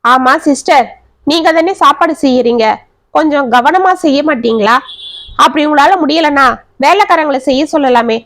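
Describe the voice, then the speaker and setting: A woman's voice: high voice, moderate pace, fairly bright tone. A woman voicing a blunt male friend who speaks harshly and with suspicion. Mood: accusing. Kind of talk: storybook narration.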